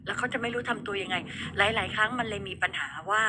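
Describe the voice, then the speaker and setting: Chatty woman on the radio, talks fast, faint noise behind. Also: mid-range voice, fairly even intonation. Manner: chatty, addresses listeners directly. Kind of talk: casual radio chat.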